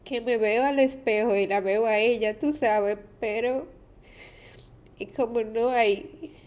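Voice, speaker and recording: A woman's voice: fairly high pitch, takes it slowly, darkish tone. A young woman speaks on her confessional podcast in a tired, candid voice. She talks openly and with feeling, sometimes circling back over her words before she finds them. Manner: candid, emotional, repeats words while searching for them. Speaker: podcast host.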